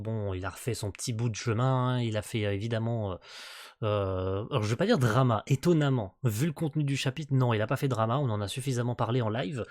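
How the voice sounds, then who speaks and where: A man's voice: medium pitch, a little mellow. Casual male reaction host, late-night tired, rambling delivery, lots of fillers and stumbles. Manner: rambling, full of fillers and tag words; stumbles over words and restarts. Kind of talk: casual live reaction commentary.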